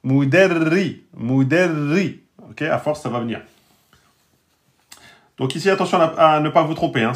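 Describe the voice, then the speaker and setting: Male teacher, fairly high voice, slow patient syllable drills. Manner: sounds out words very slowly, raising his pitch; speaks straight to his students. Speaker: Arabic and Quran reading teacher. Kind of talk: recorded lesson.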